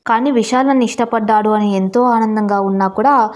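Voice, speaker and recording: ఒక స్త్రీ తన జీవిత కథను మొదటి వ్యక్తిగా, సంభాషణలతో సహా నిదానంగా చెబుతోంది. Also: female voice, fairly high pitch, fairly quick. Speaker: story narrator. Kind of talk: first-person storytelling narration.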